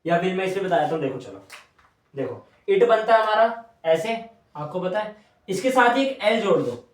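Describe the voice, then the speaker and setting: A man's voice: high-pitched, very animated, normal speed. A young man teaching shorthand at a whiteboard, patiently repeating each stroke aloud as he draws. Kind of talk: whiteboard lesson. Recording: echoey room, voice from a distance.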